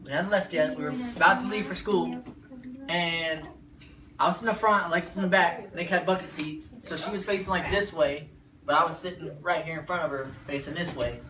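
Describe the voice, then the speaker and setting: A young man casually tells a family story at a holiday gathering, acting out the shouting parts. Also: fairly high pitch, a little fast. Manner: animated, acts out shouts in the story. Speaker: family member telling a story. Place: family home, indoors. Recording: roomy home video from a distance, noisy.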